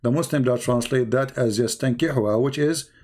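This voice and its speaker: Hosting a live call-in debate that's grown heated, an Arabic-accented man presses the caller hard, bluntly asking the same questions again. He speaks fairly quickly in a mid-range, darkish voice.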